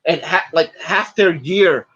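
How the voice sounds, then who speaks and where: Halting man with lo-fi sound. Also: fairly high pitch, fairly bright tone, slightly rough. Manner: halting storyteller, many fillers and restarts. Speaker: guest. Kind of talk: casual podcast chat.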